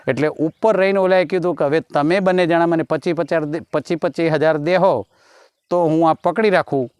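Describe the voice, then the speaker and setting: A man's voice: on the high side, darkish tone, no room sound. A man, a stand-up comedian, telling folk jokes in a rustic dialect and acting out each character in the story.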